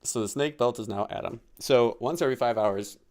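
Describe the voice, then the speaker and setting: A man's voice: mid-range voice, fairly quick, a little mellow. A man running a tabletop game as game master, talking casually with lots of fillers and laughs. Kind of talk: narrating a tabletop game on a livestream.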